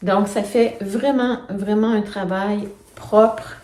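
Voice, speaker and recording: A woman's voice: medium pitch, steady tone, slow, dark tone. A middle-aged woman with a Quebec French accent chats through her sewing projects, step by step, with plenty of fillers. She is recorded on a phone set back from her. The room is echoey, so her voice sounds roomy and a little distant. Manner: chatty, explains step by step with many fillers. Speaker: knitting and sewing vlogger. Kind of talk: casual show-and-tell chat. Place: home, filmed on a phone. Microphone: phone camera set back from her.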